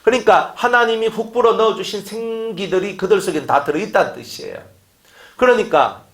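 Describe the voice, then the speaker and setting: A man's voice: high-pitched, brisk. A man preaching a sermon, firing off rhetorical questions and acting out quotes. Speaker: pastor. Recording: echoey room.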